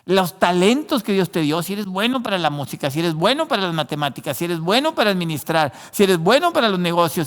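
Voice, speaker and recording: A man's voice: sits high, fairly bright tone, in a large hall. A man preaching a sermon who learned Spanish later, addressing listeners as brothers, with frequent restarts. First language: not Spanish. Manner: preaching with many fillers and restarts, addressing "hermano". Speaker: pastor.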